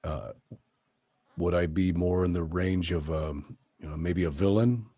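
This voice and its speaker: A middle-aged man talking casually as an interview guest, pausing often with fillers and restarts. His voice is low and husky. The sound is dry and close. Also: no echo. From Tucson, Arizona area. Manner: relaxed, hesitant, many fillers and restarts. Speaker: voice actor guest.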